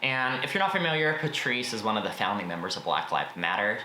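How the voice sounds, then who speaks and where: Speaking quickly in a fairly low, sharp voice, this American man hosts a video where he reviews a book in an informal, opinionated way, dropping in mild swear words. There's a roomy echo and a little background noise in the recording.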